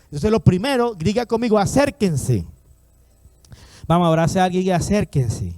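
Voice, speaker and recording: High-voiced male pastor preaching. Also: sing-song, moderate pace, a little mellow, no echo. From Latin America. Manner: emphatic, repeats lines and calls on the congregation to respond; acts out quoted voices in his stories. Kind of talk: sermon.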